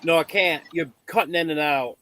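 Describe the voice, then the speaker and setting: Male remote caller, slightly high voice, choppy call audio with cut-off endings, halting replies. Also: noisy background. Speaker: remote caller on a live show. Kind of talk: casual chat. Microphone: remote call line.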